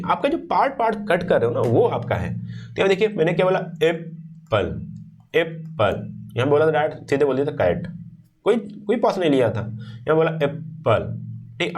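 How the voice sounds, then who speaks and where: A young man with an Indian accent teaches a lecture, his voice sitting a touch high and rising and falling a lot. He reads each English definition slowly and carefully, then explains it in quick, conversational Hindi. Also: darkish tone. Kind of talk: exam-prep lecture, Hindi mixed with English.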